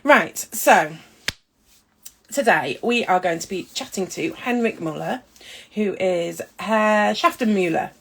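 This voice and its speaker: A woman's voice: mid-range voice, slow, noisy background. A woman hosting a casual video call interview, chatty and giggly with lots of fillers. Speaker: host.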